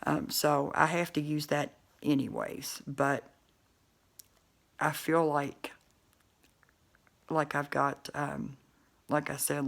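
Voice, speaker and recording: Woman, gravelly voice, talks thick through a bulky denture, loose and rambling. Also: sits low. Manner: rambling, many fillers and restarts. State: speech muffled by a bulky denture. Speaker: vlogger. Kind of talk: casual talk to camera.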